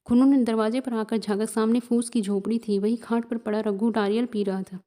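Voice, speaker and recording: A woman narrating a classic short story in a steady storytelling manner, voicing every character. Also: on the high side, brisk.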